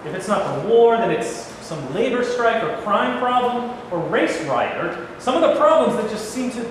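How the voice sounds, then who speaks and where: A man's voice: very high-pitched, big pitch swings, moderate pace. A man playing a troubled, plain-spoken middle-aged president in a staged play reading. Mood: burdened. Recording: very echoey hall, noisy room recording.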